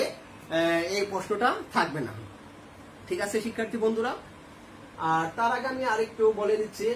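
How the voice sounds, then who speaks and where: A man's voice: sits high, fairly bright tone, slight background noise. A male Bangladeshi school teacher explaining a grammar lesson step by step, asking questions and answering them himself. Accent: Bangladeshi Bengali. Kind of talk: classroom lesson to students. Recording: echoey room, faint ambience.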